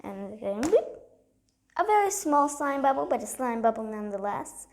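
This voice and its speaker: Bubbly higher-voiced woman showing slime. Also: sing-song, normal speed, a little hiss or hum. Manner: bubbly, chatty with frequent ums. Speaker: slime video host. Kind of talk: casual show-and-tell vlog.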